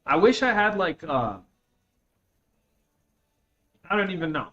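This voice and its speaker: Brisk and sing-song, this man's high voice has a bright, forceful tone as he chats in slang with viewers during a game stream. Russian-born, he moved to the United States at eleven and speaks with a slight accent. Faint noise runs under the dull lo-fi recording.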